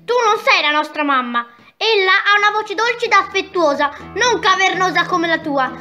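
A woman voicing a chorus of eager little goat kids, quick and shrill, in a storybook reading. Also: expressive, bright, forceful tone, faint music behind, heavily acted. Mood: defiant.

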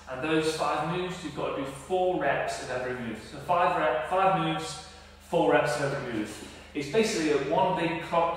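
A man's voice: on the high side, a bit bright, far from the mic. Breathless male coach in echoey room. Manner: casual, explains step by step with self-corrections. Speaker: fitness coach. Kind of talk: workout instruction. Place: indoor home workout space.

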